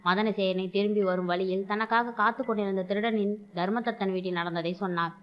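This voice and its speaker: A woman's voice: mid-range voice, fairly even intonation, fairly quick, lo-fi sound. A woman hosting a storytelling show, reading a folk tale aloud and raising her voice for the characters' lines. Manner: acts out character lines in a raised voice. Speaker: storyteller host.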